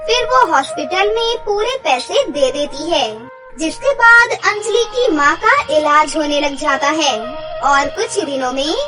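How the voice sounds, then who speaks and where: A woman's voice: high voice, animated, measured pace, music in the background. A woman narrating a children's cartoon moral story in a careful, sing-song way.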